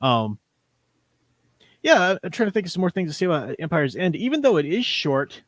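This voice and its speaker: Fairly high-pitched and sing-song, a forties-aged livestream host talks fairly quickly with no echo. He rambles happily as a fan, keeping things casual while discussing comics and audio dramas.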